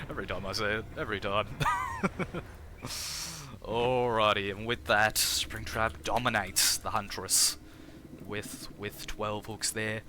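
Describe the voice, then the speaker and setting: A man with an Australian accent casting a live game tournament in a chatty, energetic way, often restarting his phrases. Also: fairly low pitch, noisy background. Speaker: tournament caster and streamer.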